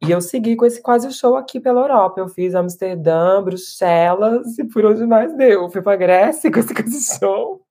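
A woman's voice: mid-range voice, lively intonation, moderate pace, few pauses, dark tone. A woman in her thirties, a musician and performer, talking reflectively in an interview with restarts and tag questions. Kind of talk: casual interview talk.

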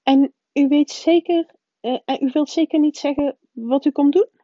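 A woman reading aloud voices a stern older female professor who talks in a high, urgent, faltering way. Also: steady tone, normal speed, warm tone, no room sound, close to an everyday voice. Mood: indignant. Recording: dull, dry lo-fi recording.

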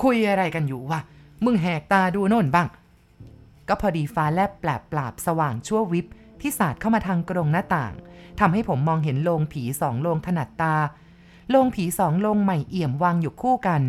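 A woman reading a ghost story aloud in the first person, with measured, vivid descriptive narration. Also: fairly low pitch, a little mellow.

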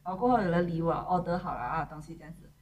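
A woman's voice: on the low side, animated, very fast, a little mellow. A woman chatting casually and laughing often as she tells a story. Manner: laughs often while telling stories. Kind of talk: casual chat. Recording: distant mic with crowd noise behind.

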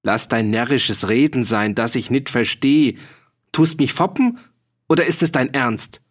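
A man's voice: mid-range voice, measured pace, close to an everyday voice. A man voicing a grave, worried peasant judge with a dialect, earnest and stern.

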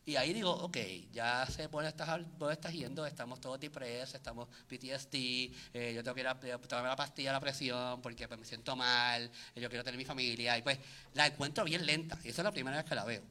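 Bright, animated man. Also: medium pitch, brisk. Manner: animated, acts out his own reactions, many restarts. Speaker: podcast co-host. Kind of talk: casual chat.

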